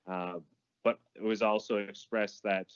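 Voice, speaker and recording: A man's voice: fairly low pitch, steady tone, unhurried, clean tone, dry recording. Man on a live stream that keeps cutting out. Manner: hesitant, frequent filler sounds. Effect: live stream audio cutting out. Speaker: municipal staff presenter. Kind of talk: formal report to council. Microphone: video call. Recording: muffled online meeting audio.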